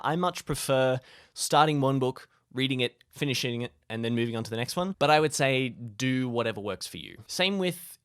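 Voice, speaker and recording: A man with a fairly high, fairly bright voice chats to camera like a vlogger offering friendly tips, informal and joking at his own expense. The recording is dry with clean studio sound.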